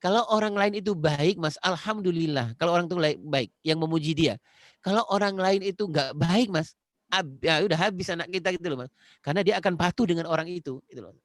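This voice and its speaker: Man from Indonesia, conversational lecturer on a video call, earnest and repetitive, slightly high, dry. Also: fast, fairly bright tone, dry recording. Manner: earnest, repeats phrases, addresses listener directly. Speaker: parenting webinar speaker.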